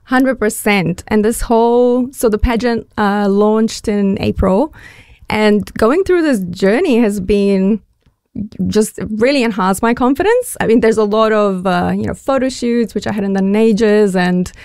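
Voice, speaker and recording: Smooth-voiced woman in her forties. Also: medium pitch, unhurried, darkish tone, dry recording, clean studio sound. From Bulgaria. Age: 40s. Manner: upbeat, earnest, with many fillers. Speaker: magazine editor, pageant finalist. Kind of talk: radio interview guest.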